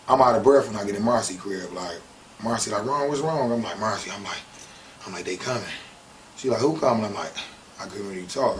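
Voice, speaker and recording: A man's voice: fairly low pitch, far from the mic, slight background noise, rough recording. A man being interviewed, telling a long personal story in casual, slangy street talk with many fillers.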